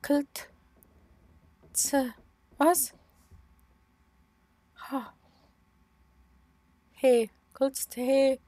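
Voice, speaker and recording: A woman's voice: high-pitched, steady tone, very slow, pauses often, mellow, dry recording. A woman, commentating a horror game in a casual, nervous way, talking to herself and exclaiming in fright. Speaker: let's play gamer.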